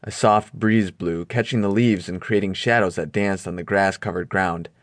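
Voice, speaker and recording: A man reading an audiobook aloud in measured first-person storytelling narration. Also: deep voice, fairly even intonation, no room sound. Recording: dry close studio recording.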